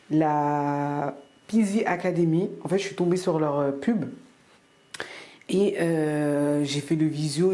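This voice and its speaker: Woman, vlogger, casual chat, rambling with fillers, lowish voice, soft dark tone. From France. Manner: chatty and rambling, with many fillers and restarts.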